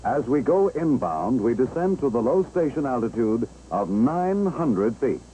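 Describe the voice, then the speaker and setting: Over a worn soundtrack with poor audio, an American man narrates a 1960s training film, an engine-like noise faintly audible beneath him. His delivery is mellow and relaxed, with pitch that moves animatedly. He takes each step in a calm, measured manner.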